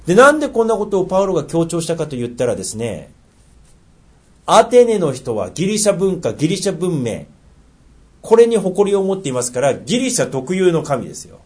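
Husky-voiced pastor preaching with lively pitch. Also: male voice, brisk. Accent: Tohoku dialect. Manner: earnest, rhetorical questions, drops to soft asides. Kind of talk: sermon.

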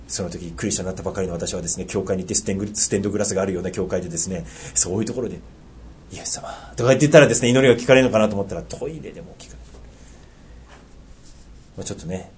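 A middle-aged man with a Tohoku accent preaching a sermon, earnest, asking rhetorical questions and dropping into soft asides. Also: low voice, slight background noise. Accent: Tohoku dialect. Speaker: pastor.

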